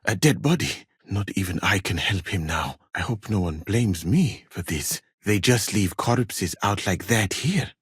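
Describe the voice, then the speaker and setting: An actor playing a learned, proud Malian court physician in a medieval video game, speaking in a formal, courteous, dignified way. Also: male voice, sits low, lively intonation, measured pace, hardly any pauses, slightly rough, dry recording, clean studio sound, heavily acted. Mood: frank, weary. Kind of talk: video game character dialogue.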